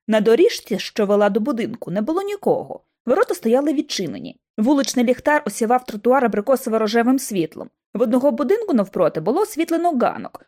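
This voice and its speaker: Expressive woman reading a storybook. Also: on the high side. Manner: expressive storytelling with dramatic pauses. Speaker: audiobook narrator. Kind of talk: first-person audiobook narration.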